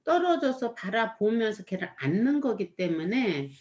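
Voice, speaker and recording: A woman's voice: on the high side, very animated, moderate pace, a little mellow, muffled recording. A woman in casual chat, rambling as she recounts something she saw, with frequent filler words and a reflective tone. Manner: rambling, full of "이렇게" fillers. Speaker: storyteller recounting a performance.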